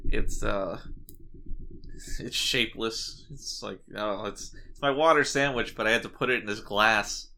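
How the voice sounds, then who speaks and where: A man co-hosting a casual podcast, his voice bright and forward. He jokes in a deadpan, mock-serious way, playing it straight. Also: fairly low pitch, a little slow, a little hiss or hum. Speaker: podcast co-host. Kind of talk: casual chat.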